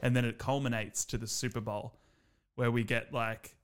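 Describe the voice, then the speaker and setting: Chatty Australian man, quick to laugh. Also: medium pitch, smooth. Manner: animated storyteller, quick to laugh. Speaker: podcast co-host. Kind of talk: casual chat.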